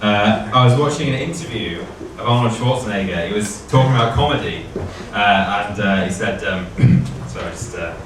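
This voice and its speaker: A man opening a stand-up set with a hesitant, filler-heavy warm-up on a comedy club stage. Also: lowish voice, animated, moderate pace, background noise. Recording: echoey venue, distant mic, music.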